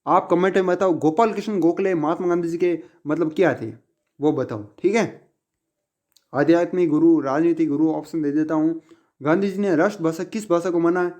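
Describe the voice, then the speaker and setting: During a casual exam-prep lesson, a man works through exam questions, repeatedly asking a question and then answering it himself. His voice is a little high and a little mellow, and he speaks briskly.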